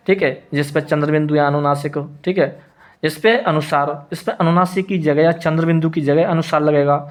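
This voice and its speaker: A man's voice: on the high side, fairly even intonation, moderate pace. A man teaching a Hindi grammar lesson who keeps repeating his points and answers his own questions. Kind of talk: classroom lesson explanation.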